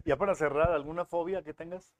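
Host guy, slightly high voice, friendly, reading viewer shoutouts. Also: fairly even intonation, a little fast. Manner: friendly, reads out viewer greetings. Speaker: talk show host. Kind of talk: casual interview chat.

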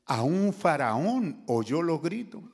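A man's voice: a little high, very animated, extremely slow, in a large hall. A man preaching a dramatic sermon, calling out to the congregation in the pews. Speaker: pastor. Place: church.

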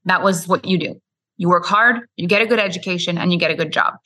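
A Québécoise whose first language is French guests on a podcast, telling her life story candidly and fluidly, peppering it with "like" and "you know." Her voice is fairly low, fast, bright and forceful in this storytelling interview.

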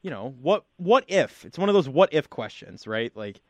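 A man's voice: fairly high pitch, big pitch swings, normal speed, no echo. A man hosting a radio sports talk show, speaking casually and using plenty of fillers. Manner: chatty, filler-heavy. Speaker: radio host. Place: radio studio.

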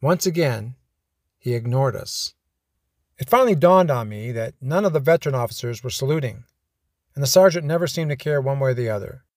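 A man's voice: medium pitch, animated, brisk, a little mellow, no room sound. A man hosting a podcast, telling first-person stories of his police days with wry, dry humor. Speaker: podcast host and former police officer.

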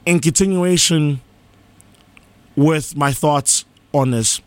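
On a live college radio show, a male host speaks slowly and earnestly at a fairly high pitch, his voice sore and cracking. He offers heartfelt thank-yous and station promos, recorded dry on a studio microphone in the radio studio.

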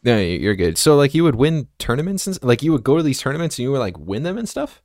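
A man's voice: medium pitch, big pitch swings, darkish tone, no room sound, clean studio sound. A man in his twenties hosting a casual podcast interview, chatty and full of fillers like "like" and "you know". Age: 20s. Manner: chatty, filler-heavy, quick to laugh. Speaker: podcast host.

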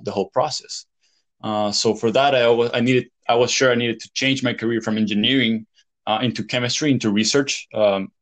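A young man from El Salvador answers interview questions about his studies and work. His voice sits a little low, and he talks in a halting way, full of fillers and restarts. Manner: hesitant, many fillers and restarts. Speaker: guest, PhD student in chemistry.

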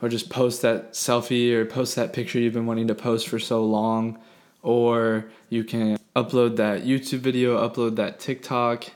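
A young man hosting a casual solo podcast from his bedroom, rambling and self-deprecating in a monotone voice with many fillers. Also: medium pitch, normal speed. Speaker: podcast host. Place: bedroom at home.

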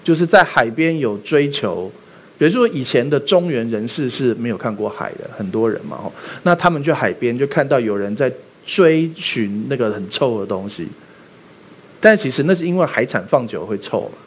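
Lively husky male pastor preaching. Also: mid-range voice, moderate pace. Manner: animated, asks the congregation rhetorical questions, tells jokes. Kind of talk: sermon.

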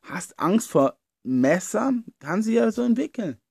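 A man's voice: high-pitched, big pitch swings, a little slow, creaky, a little mellow, breathy edge, no room sound, studio quality. Earnest man lecturing directly to listener. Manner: earnest, talks straight to "you", frequent "ja" and "äh". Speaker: self-help speaker. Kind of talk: explanatory monologue addressing the listener.

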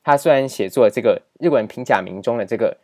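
A man's voice: medium pitch, quick pace, a little mellow. A man teaching a grammar lesson over slides, explaining patiently and repeating key points with many filler particles. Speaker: language teacher.

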